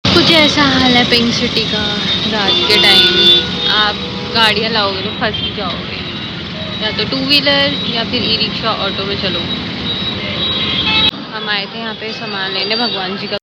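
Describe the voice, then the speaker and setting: A woman's voice: medium pitch, unhurried. Chatty young female vlogger talking to viewers, phone mic, noisy street. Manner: chatty, bubbly, addresses viewers directly. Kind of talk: casual vlog chat. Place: city streets, shops and home. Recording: noisy street and shop sound.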